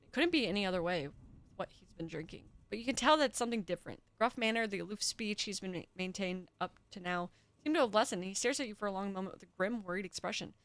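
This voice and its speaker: A woman's voice: medium pitch, fast talker. A young woman streamer reading game narration aloud with dramatic flair and chatting to her viewers in between. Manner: dramatic second-person narration with chatty asides to chat. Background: faint music.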